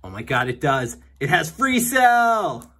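A young video game collector vlogger speaks slowly in a bright, forceful, sing-song voice that sits on the high side. Indoors at home, he casually runs through the games he brought back, keeping the unboxing commentary chatty, wry, and jokey. There's slight background noise.

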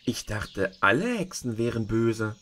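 A man reading a storybook aloud and voicing a polite, wondering young girl, higher and softer than his own voice. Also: sing-song, unhurried, noisy background.

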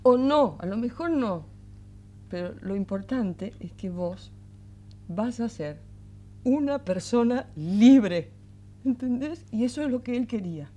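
A woman's voice: fairly high pitch, lively intonation, takes it slowly. Weary, tender Rioplatense mother. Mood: tender, earnest. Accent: Rioplatense Spanish. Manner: soft, coaxing, often sinking to a murmur. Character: tender, weary single mother comforting her son. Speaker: mother of an eleven-year-old boy. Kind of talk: 1980s television drama acting.

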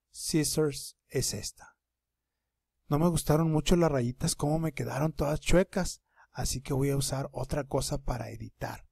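A man leads an online class for young children, patiently repeating each word. His voice sits a bit high for a man. The sound is close and dry, from a computer microphone. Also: darkish tone, dry recording. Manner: patient, slow, repeats words for young learners. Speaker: first-grade English teacher.

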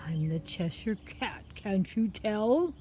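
A woman's voice: medium pitch, expressive, slow, dark tone. A woman voicing a big, boastful, teasing Cheshire Cat in a children's story, full of emphatic questions. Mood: smug. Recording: outdoor ambient noise, faint.

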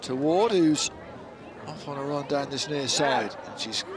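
A man's voice: medium pitch, expressive, a little slow. A man giving live football commentary in short, clipped descriptive phrases. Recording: loud crowd and outdoor stadium noise.

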